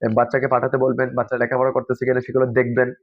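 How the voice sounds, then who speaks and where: A man's voice: medium pitch, completely flat delivery, rapid-fire, no room sound, phone-quality sound. A man who trains Quran teachers, giving earnest, preachy advice to madrasa teachers and often saying "ha" and "inshallah".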